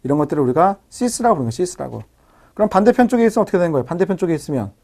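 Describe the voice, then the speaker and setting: Man, biology lecturer, rapid delivery, slightly high voice, repeats key terms, tag questions. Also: big pitch swings, a little mellow. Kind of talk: recorded exam-prep lecture.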